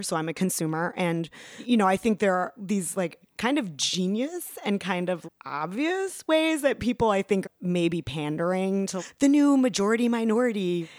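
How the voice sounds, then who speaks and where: A woman's voice: medium pitch, dry recording, clean studio sound. A middle-aged woman, a former teacher turned activist, talking reflectively in a casual interview and often adding "you know" and "right?" while laughing lightly now and then.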